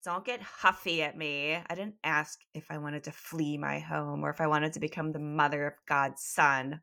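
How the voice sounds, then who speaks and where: A woman's voice: deep voice, steady tone, normal speed, vocal fry, sharp tone, full character voice. A woman voicing a tired, ditzy young Mary who complains and frets. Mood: weary complaint. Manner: complaining, huffy.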